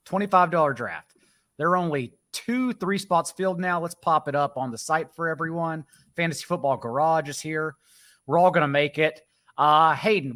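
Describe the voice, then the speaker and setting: Male show host, brisk and joking, bright slightly high voice. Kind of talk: casual podcast chat.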